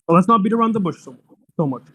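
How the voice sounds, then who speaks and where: A young man whose first language is Arabic argues in an online debate with a high-pitched, sharp, expressive voice at a very fast pace. He is insistent, repeating the same demand again and again and talking over others.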